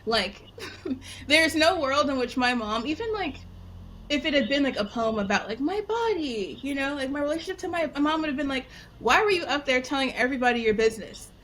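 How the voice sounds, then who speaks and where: A young woman with a slightly high voice tells a personal story in relaxed conversation. She is animated and laughs easily, and "like" runs all through her speech. A faint noise floor sits under the recording. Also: normal speed. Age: young adult. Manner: animated, laughing, heavy use of "like". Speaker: guest storyteller. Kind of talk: casual interview chat.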